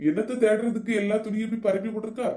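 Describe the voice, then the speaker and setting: A woman voicing a soft, henpecked young husband who sweet-talks his wife in a comedy skit. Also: medium pitch, little pitch movement, rapid-fire, very noisy, natural voice. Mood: coaxing. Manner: sweet-talking, coaxing. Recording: roomy echo.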